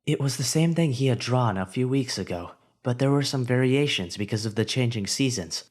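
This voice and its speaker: Reading a fan audiobook, a man with an ordinary mid-pitched voice narrates the story steadily at a fairly quick pace. He grows expressive as the hero's inner thoughts come through.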